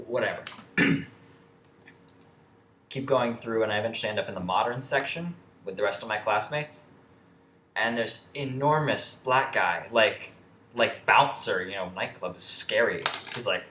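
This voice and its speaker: A young man with a low voice tells a story in a loose, rambling way, swearing freely and restarting his sentences often. He is recorded in an echoey room with a faint hum of ambience behind him. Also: sharp tone. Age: young adult. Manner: rambling, profane, with many restarts and fillers. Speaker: vlogger. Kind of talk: casual storytelling rant.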